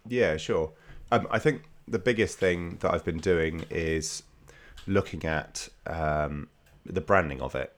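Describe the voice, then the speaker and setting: A man with a very low-pitched voice that sounds nasal and congested with a slight cold. He talks casually, as the host of a podcast. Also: slow. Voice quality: nasal, stuffed-up voice.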